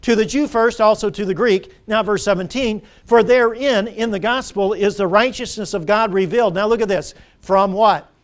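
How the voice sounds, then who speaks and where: A man's voice: high voice, moderate pace, few pauses. A middle-aged man preaching a sermon, asking the congregation questions and repeating key phrases.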